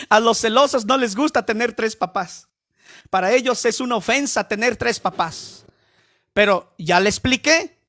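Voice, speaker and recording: A man's voice: very high voice, bright, forceful tone. A male pastor preaching a sermon, emphatic and repetitive, often putting questions to the congregation.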